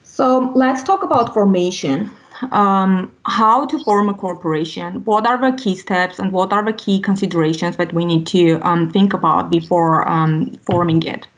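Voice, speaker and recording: A woman's voice: on the low side, normal speed, low-quality recording. A young woman from Armenia, an attorney, giving a legal presentation online with frequent "um" fillers and restarts.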